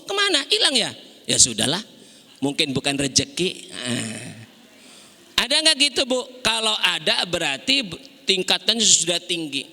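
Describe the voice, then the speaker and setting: A man gives an animated sermon in a mosque and keeps turning to the women listening with questions. His voice is high and very bright, with a gravelly edge. The room leaves a long reverb on every word. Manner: animated, conversational, asks the women in the audience questions. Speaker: preacher.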